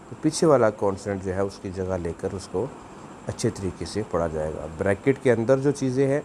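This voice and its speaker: Guy teaching a lesson real slow, lowish voice, bit of hum behind. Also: a little mellow. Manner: slow, patient explaining, repeating words for practice. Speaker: language teacher. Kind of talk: video lesson.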